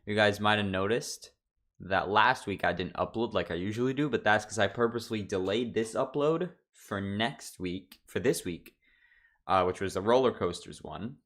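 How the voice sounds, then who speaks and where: A man's voice: on the low side, normal speed, a bit bright. A young man chatting casually on his livestream from home, rambling loosely with lots of fillers and restarts. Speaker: streamer.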